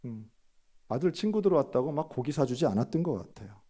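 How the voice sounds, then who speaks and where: A male pastor preaching a sermon, telling a story with lively delivery and loud bursts when he acts out quoted lines. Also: mid-range voice, a little fast.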